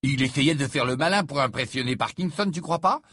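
A man voicing a cheeky, lazy teenage schoolboy in an audiobook, speaking a little higher and livelier than his own voice. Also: animated, fairly quick, a bit bright, slightly rough, dry recording, clean studio sound. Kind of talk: audiobook character voice.

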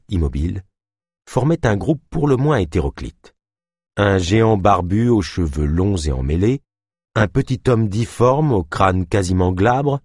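Low, expressive male audiobook narrator. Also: breathy edge, dry recording, studio quality. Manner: measured, expressive reading. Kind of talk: scripted narration.

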